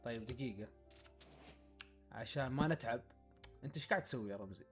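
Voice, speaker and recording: A man's voice: medium pitch, fast talker. A man giving casual let's-play commentary, talking to himself and to the animals in his game. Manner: talks to himself and the animals in the game, playful and excitable. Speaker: gaming YouTuber. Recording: faint game music behind.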